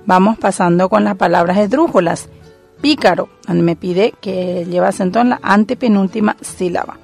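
A woman's voice: medium pitch, normal speed, creaky, a little mellow, slightly rough, soft background music. A woman teacher working methodically through exercises, thinking aloud as she goes. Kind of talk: recorded classroom lesson.

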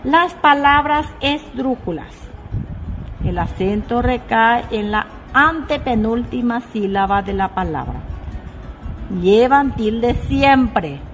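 Slow, higher-voiced woman teacher. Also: animated, a bit bright, soft background music. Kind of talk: slow classroom explanation.

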